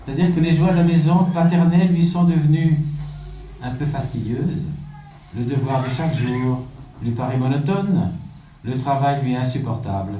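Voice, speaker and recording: Bishop guy preaching slow and thoughtful, real dark voice, echoey church, mic kinda far off. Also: mid-range voice, a little hiss or hum. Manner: measured, reflective preaching with rhetorical questions. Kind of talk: sermon. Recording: roomy church sound, distant mic.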